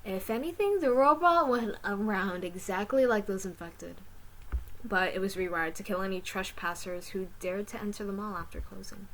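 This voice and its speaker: A woman's voice: medium pitch, normal speed, fairly bright tone, poor audio. A woman reading her own first-person fan story aloud casually, with small slips.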